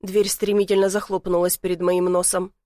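A woman reading first-person audiobook narration in an even, expressive way. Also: on the low side, fairly quick, no room sound, studio quality.

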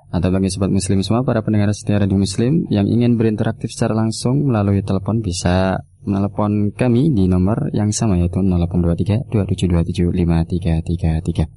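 A man's voice: low voice, warm tone. A man hosting a radio call-in, politely reading out listener questions to the teacher. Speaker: radio host.

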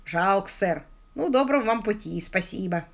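Простоватый швейцар средних лет, его читает женщина, говорит по-свойски. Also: female voice, mid-range voice, expressive, moderate pace, creaky. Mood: folksy. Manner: folksy, familiar. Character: homely middle-aged stage doorman.

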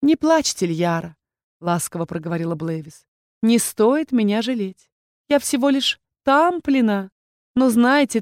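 A woman reading an audiobook, voicing a frail, gentle former female warden who sounds resigned and pleading. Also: medium pitch, no room sound, studio quality, natural voice. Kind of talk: audiobook character voice.

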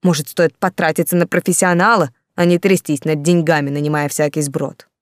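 A woman's voice: deep voice, flat delivery, fairly quick, no room sound, studio quality, natural voice. A woman reading the part of a lazy, sarcastic young count who drawls his words. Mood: sardonic. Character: lazy sardonic young count, fond of wine.

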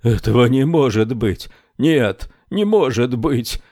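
A man's voice: on the low side, steady tone, slow pace, darkish tone, no echo, studio quality. A man voicing a raging, desperate man in an audiobook, screaming.

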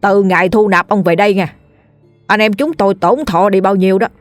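A woman voicing a sharp-tongued middle brother who snaps back with quick insults. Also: medium pitch, fairly even intonation, no room sound, faint music behind, lightly acted. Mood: sarcastic.

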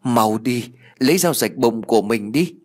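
A man's voice: medium pitch, expressive, unhurried, darkish tone, close to an everyday voice. A man voicing a vengeful young ghost. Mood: menacing. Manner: eerie, menacing and pleading by turns. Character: hungry vengeful young male ghost turning demon. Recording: faint music behind the voice.

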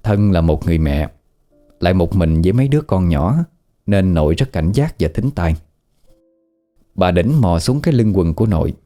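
A man narrating a ghost story in a calm, measured storytelling manner. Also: sits low.

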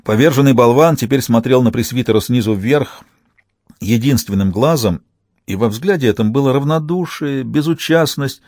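A man reading an audiobook with steady storytelling narration. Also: medium pitch, moderate pace, no room sound, studio quality.

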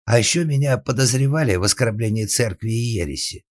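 An actor playing a timid, frightened carpenter who pleads and stammers in an audiobook. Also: male voice, mid-range voice, lively intonation, fairly quick, no echo, studio quality, lightly acted. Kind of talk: audiobook character acting.

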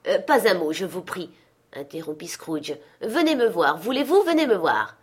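A woman's voice: mid-range voice, expressive, moderate pace, breathy edge. Woman doing old man Scrooge, cheerful, eager, storybook reading. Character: old man Scrooge, joyful and warm-hearted.

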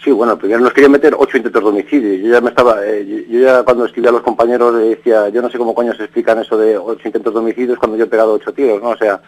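A man's voice: medium pitch, fairly even intonation, rapid-fire, few pauses, a little mellow, poor audio. Man telling a long story. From Galicia, Spain. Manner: rambling, frequent restarts and tag questions. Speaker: interviewee. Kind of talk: casual recounting. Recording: radio broadcast.

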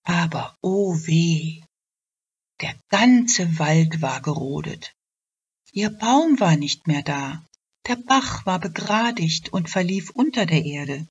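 A woman telling a fairy tale for radio in a calm, measured way. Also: lowish voice, breathy edge. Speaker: storyteller. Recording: dull lo-fi radio recording.

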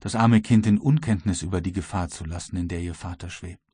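A male audiobook reader voicing a worried but resolute ship captain, with a husky voice. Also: low-pitched, brisk, mellow, no echo, studio quality. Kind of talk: audiobook reading.

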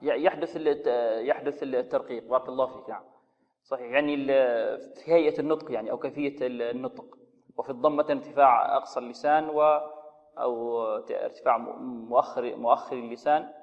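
A man teaching the rules of Quran recitation. He poses questions, answers them himself, and slowly intones sample verses to show the sounds. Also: medium pitch, steady tone, big-room sound, lo-fi sound. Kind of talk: tajweed lesson on radio.

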